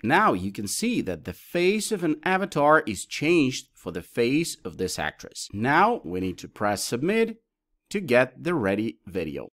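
Man, tutorial presenter, lively up-and-down delivery, listing options step by step, mid-pitched voice. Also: a little slow. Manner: lists options step by step, explaining as he clicks. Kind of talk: screen-recorded tutorial walkthrough.

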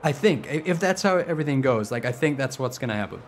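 Young male streamer, twenties, profane and excitable, casual stream commentary. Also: mid-range voice, fast talker, a little hiss or hum. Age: 20s.

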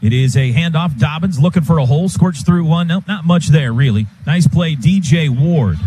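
Speaking at a normal speed in a warm voice that sits on the high side, an American radio announcer gives live football play-by-play in short, clipped bursts. The broadcast comes from a stadium booth microphone, with faint ambient noise.

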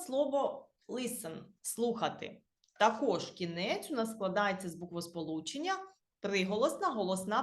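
A woman's voice: medium pitch, roomy sound. A woman with a Ukrainian accent, an English teacher who explains grammar to beginners patiently, spelling out word endings letter by letter.

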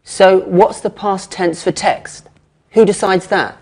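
A man's voice: high voice, fairly even intonation, slow, darkish tone, slightly rough. A young man co-presenting a lesson in a studio, answering casually with hesitant ums. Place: indoor studio with brick walls.

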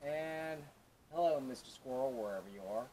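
A DIY vlogger stands outdoors beside a pickup truck, giving a casual, offhand hands-on tutorial on an install to a camera set a short distance away. His mid-range voice is expressive and warm at a moderate pace, and the outdoor camera audio is noisy with clicks.

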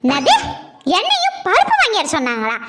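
Woman doing a bossy mother-in-law, very high voice, swooping intonation, faint noise behind. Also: wildly swooping pitch, a little fast, full character voice. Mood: indignant. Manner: sharp, nagging, shouting complaints. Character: bossy scolding middle-aged mother-in-law. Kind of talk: comic skit acting.

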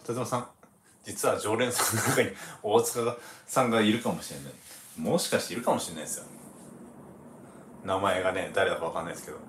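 A man who is a former baseball pitcher hosts a relaxed livestream, chatting casually, reading viewer comments and laughing often. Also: fast talker, echoey room, slight background noise.

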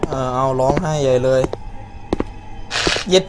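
A man's voice: mid-range voice, a little slow. A man commenting as he plays a horror game, yelping, swearing and talking back to it. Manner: jumpy, yelps and swears, talks to the game. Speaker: gaming YouTuber. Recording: loud background music.

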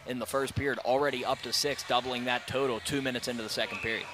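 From an arena booth, a man on a headset mic delivers relaxed, analytical hockey color commentary, frequently starting with "yeah." His pitch is medium and he talks fast over a noisy background.

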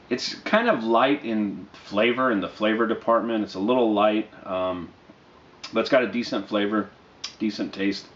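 A man in his thirties giving a casual, low-key product review to camera, speaking in a halting, unhurried way. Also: fairly bright tone. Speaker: pipe tobacco reviewer. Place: small dim living room, indoors. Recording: dull, roomy sound with faint noise.

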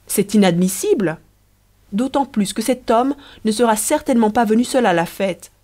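A woman voicing a playful, scheming young empress who speaks in a lively, persuasive, teasing way. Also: fairly high pitch, moderate pace.

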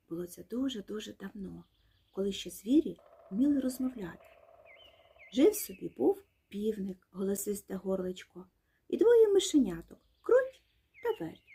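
A woman's voice: on the high side, mellow, slightly rough. A woman telling a fairy tale to small children in a tender, sing-song way, full of diminutives. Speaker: children's storyteller.

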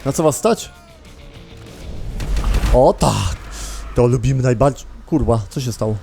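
A man's voice: mid-range voice, unhurried, vocal fry, warm tone, faint music behind. A man hosting a gaming channel, giving casual gameplay commentary, chatting to his viewers and swearing often.

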